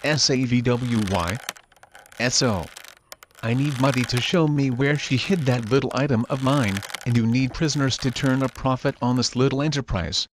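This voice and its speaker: A man's voice: mid-range voice, moderate pace, a little hiss or hum, close to an everyday voice. A man voicing a wily, flippant pirate captain in a motion comic, with a wordy, theatrical manner. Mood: sly, flippant. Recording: background music under the voice.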